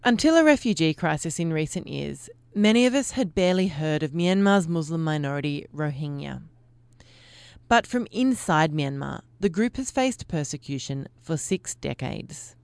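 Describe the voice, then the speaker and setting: Low gravelly lady reading radio news, smooth and dry sounding. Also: animated, a little mellow, dry recording. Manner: measured, formal delivery. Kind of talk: scripted news presenting.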